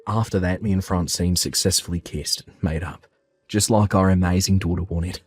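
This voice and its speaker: A man calmly telling his own family story in the first person and voicing his part of the dialogue with reassuring warmth. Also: sits low, normal speed, breathy edge, dry recording, faint music behind. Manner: calm, reassuring, heartfelt.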